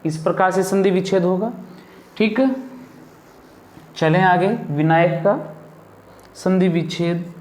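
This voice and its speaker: A man's voice: high-pitched, fairly even intonation, measured pace, pauses often, a little mellow, reverberant. A male teacher from India giving a classroom lesson, asking his pupils questions and then answering them himself. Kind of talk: classroom lesson on Hindi grammar.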